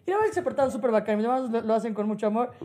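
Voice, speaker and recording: A woman with an Ecuadorian accent, telling a story on a casual podcast, animated, laughing and swearing often. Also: a little high, very fast. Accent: Ecuadorian Spanish. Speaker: podcast co-host.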